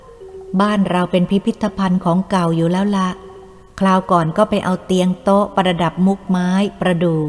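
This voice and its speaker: A woman's voice: on the low side, little pitch movement, normal speed, darkish tone, close to an everyday voice. A woman voicing an elderly mother who scolds her grown son but is fond and teasing, in an echoey room with faint music behind. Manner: scolding then playful, motherly.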